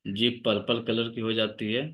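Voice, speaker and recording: A man teaching an acupressure class, listing points and symptoms in a slow, steady instructive tone. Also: on the low side. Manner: dictates point names slowly, steady instructive tone. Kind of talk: online class lecture.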